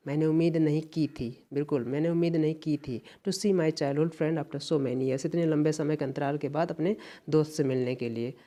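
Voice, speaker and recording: Mellow-voiced Indian English tutor. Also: male voice, a little high. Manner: explains patiently, repeats key phrases, reads sentences out slowly. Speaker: English teacher for competitive exams. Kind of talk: exam-prep lesson.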